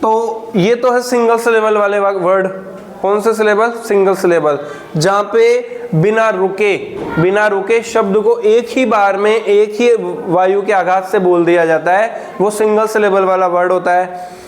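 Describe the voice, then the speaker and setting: High-voiced grammar teacher. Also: male voice, fairly even intonation, a little hiss or hum. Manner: slow, drawn-out dictation of examples, asking and answering his own questions. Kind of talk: grammar lesson.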